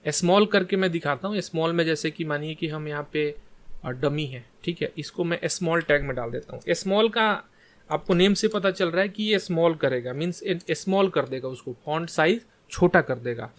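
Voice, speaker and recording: A man's voice: on the high side, moderate pace. A man teaching a screen-share coding lesson in Hindi mixed with English tech terms, often checking in with "ठीक है". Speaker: coding tutor.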